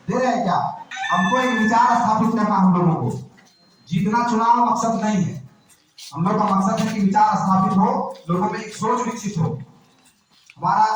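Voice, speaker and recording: Man w quizzing the crowd, high voice, mic far off, huge echo. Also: fairly bright tone. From Jharkhand, India. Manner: keeps firing rhetorical questions at listeners. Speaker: activist speaker. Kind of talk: public address to a gathering. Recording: very echoey room, distant mic, faint noise.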